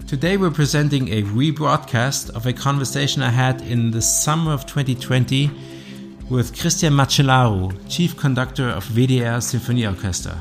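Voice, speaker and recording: A man hosting a podcast, reading a measured, scripted introduction. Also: medium pitch, faint music behind. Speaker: podcast host.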